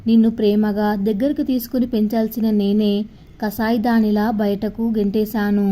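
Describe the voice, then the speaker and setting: A woman's voice: mid-range voice, little pitch movement, normal speed, mellow, close to an everyday voice. A woman voicing a remorseful older aunt whose farewell letter is read aloud tenderly.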